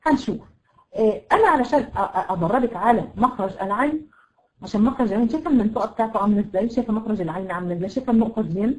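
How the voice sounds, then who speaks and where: Woman, Egyptian accent, quick speech, tajweed teacher, models letter sounds slowly, patient explanations. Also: medium pitch, expressive, poor audio. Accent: Egyptian Arabic. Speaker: Quran recitation teacher. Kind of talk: online tajweed lesson to women students.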